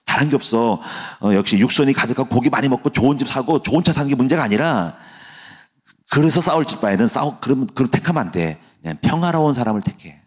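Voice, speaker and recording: A man's voice: mid-range voice, animated, fast, breathy edge. A middle-aged male pastor giving a chatty, folksy sermon that builds into a fervent prayer. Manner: folksy, chatty preaching with laughs and asides.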